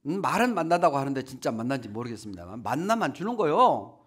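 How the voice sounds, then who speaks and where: A man's voice: mid-range voice, fast talker, slightly rough. A man preaching a sermon at a church, often asking the congregation questions and acting out the people he quotes. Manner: lively, asks the congregation questions, acts out quotes. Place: church hall.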